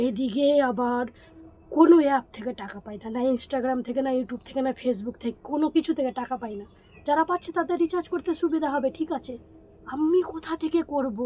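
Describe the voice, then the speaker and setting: Young woman, hoarse voice but high pitched, griping loud in a casual vlog. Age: early 20s. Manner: complaining, rising to loud exasperated outbursts. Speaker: vlogger.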